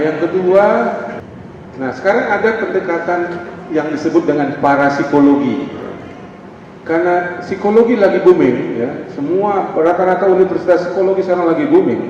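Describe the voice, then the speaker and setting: A man's voice: on the high side, darkish tone, slight background noise. Middle-aged male counselor, conversational seminar speaker, very roomy distant sound with faint ambience. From North Sumatra (Batak). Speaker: pastor and family counselor. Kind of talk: seminar talk. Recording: echoey hall, distant dull mic.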